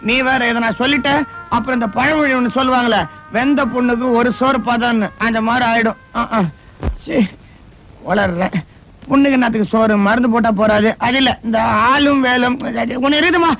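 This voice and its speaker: An actor playing a scheming, talkative comic friend in an old film, rambling and wisecracking. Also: male voice, extremely high pitch, fairly quick, a bit bright, poor audio. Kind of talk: 1980s film dialogue.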